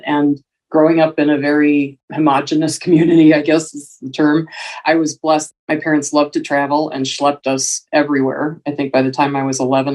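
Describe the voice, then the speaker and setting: A woman's voice: low voice, darkish tone. Older woman from Wisconsin, earnest podcast guest, voice a little distant from the mic. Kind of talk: casual conversation.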